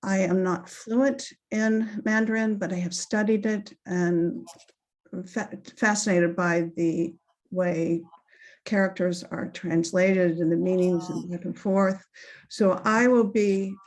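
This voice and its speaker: A woman reading her own poems aloud over a video call, with spoken asides between them, slow and measured. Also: mid-range voice, steady tone, darkish tone. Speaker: featured poet.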